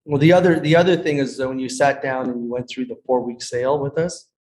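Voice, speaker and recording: A man, a karate school owner, speaking earnestly and haltingly as a podcast guest on a video call. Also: medium pitch, steady tone, a little mellow. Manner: earnest, halting, many restarts. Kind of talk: casual interview chat.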